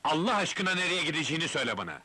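A man's voice: a little high, big pitch swings, very fast, pushed and bright, a little hiss or hum, exaggerated voice. A man voicing an exasperated male cockroach taxi driver who keeps complaining.

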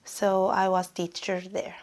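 A woman from Sudan telling her story haltingly in an interview, with many pauses and restarts. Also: mid-range voice, monotone, darkish tone. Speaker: interviewee, refugee. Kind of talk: hesitant personal account.

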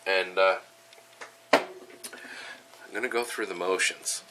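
A deep, sharp-toned man's voice with fairly even intonation takes its time in this casual home brewing vlog. He's middle-aged with a stuffy nose from a cold, upbeat and chatty with frequent ums and uhs while demonstrating and tasting. The rough recording from a distant mic has a little hiss, set in his kitchen and later a small room at home.

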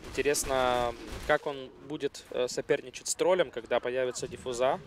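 Man, analytical esports commentary, explanatory, slightly hesitant, medium pitch, light background noise. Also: steady tone, moderate pace. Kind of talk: live game commentary, analytical.

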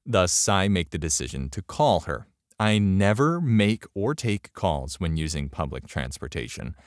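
A man's voice: deep voice, sing-song, measured pace, no echo, studio quality. A man narrating a story in a sarcastic, exasperated way.

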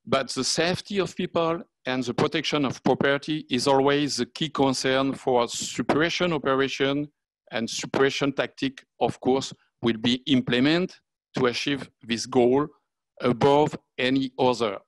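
A man in his sixties with a French accent, a native French speaker giving a formal webinar presentation, halting and searching for English words. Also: medium pitch, no room sound, low-quality recording. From France. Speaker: fire service officer presenting. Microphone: video call.

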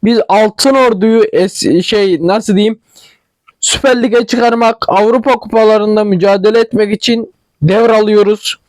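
A young gaming channel host with a regional Turkish dialect chats casually over a football management game, his high voice fairly even and unhurried, with no echo. He thinks aloud and stumbles over words, his throat tickly so that he keeps clearing it.

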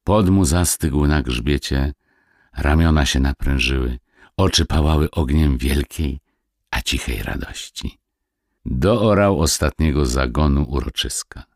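Male fairy-tale reader, deep husky voice, very expressive. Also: a little slow, dry recording, clean studio sound. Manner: expressive, swinging between hushed and lively tones. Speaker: storyteller. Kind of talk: reading a classic fairy tale aloud.

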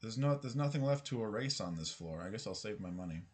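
A man's voice: fairly low pitch, expressive, fast talker. A man streaming gameplay live, chatting casually with his viewers, musing aloud and swearing now and then. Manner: chatty, swears, talks to chat.

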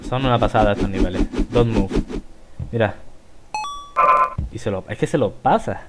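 A man's voice: fairly low pitch, normal speed, very noisy. A man with a Spain Spanish accent giving casual gameplay commentary, chatty and exclaiming at the game as he plays. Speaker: gaming video host.

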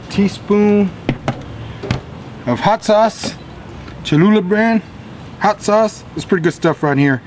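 Jolly, folksy grill dad, higher-pitched. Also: male voice, noisy background. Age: middle-aged. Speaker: cooking show host. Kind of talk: casual cooking demonstration. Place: outdoor backyard grilling area.

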